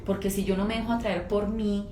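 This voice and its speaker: A woman's voice: medium pitch, level tone, fairly quick, dark tone, slight background noise. Chatty woman, echoey room. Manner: chatty storytelling, often asks "¿sí?". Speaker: personal development facilitator. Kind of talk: workshop talk.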